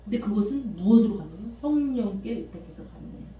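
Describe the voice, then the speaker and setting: A woman pastor preaching a sermon in a church, animated, often laughing and acting out the people she quotes. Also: mid-range voice, fast talker, dull audio. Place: church sanctuary. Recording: echoey room from far off, faint hiss.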